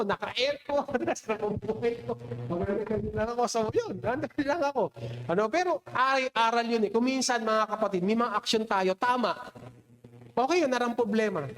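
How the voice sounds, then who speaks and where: A man's voice: very high-pitched, slight background noise. A pastor preaching a sermon, telling a personal story with frequent laughter and a voice that rises when he acts out an argument. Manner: storytelling, laughs often, mixes English into Tagalog; raises voice when reenacting quarrels.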